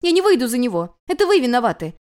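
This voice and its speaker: Brief: a woman doing a high, tearful young noblewoman, indignant and swinging wildly in pitch. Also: sing-song, a little fast, a little mellow. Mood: stubborn. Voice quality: high, shrill and pleading.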